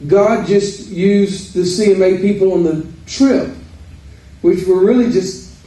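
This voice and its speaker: A man with an Arkansas accent giving an informal, folksy sermon with halting pauses. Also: high voice, mellow. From Arkansas, United States. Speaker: preacher. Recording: roomy echo, distant microphone.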